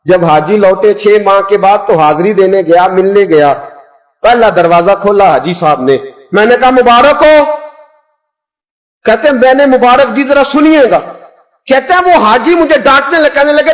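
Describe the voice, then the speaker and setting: Man, preacher, impassioned storytelling sermon, high voice, sung verses. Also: rough recording. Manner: impassioned, voices rising high when quoting others; breaks into sung Punjabi verse.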